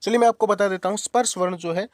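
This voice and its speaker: A man's voice: sits high, fast, darkish tone, dry recording, clean studio sound. A young man teaching Hindi grammar as a quiz, casually repeating each question and answer to drill it in. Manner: casual, addresses viewers as friends and brother. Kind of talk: quiz-style exam-prep lesson.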